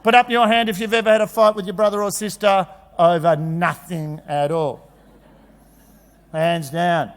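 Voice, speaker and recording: A man gives a jokey, animated talk at a conference, acting out kids' voices. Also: high voice, normal speed. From Australia. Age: 50s. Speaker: conference speaker. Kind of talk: energetic presentation. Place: large conference hall. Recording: long hall reverb.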